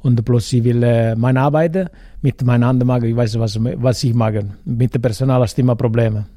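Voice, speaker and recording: A man from Italy with an Italian accent, a pizza stand owner answering interview questions haltingly, with many fillers. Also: medium pitch, fairly even intonation, warm tone, no room sound, studio quality. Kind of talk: casual interview chat.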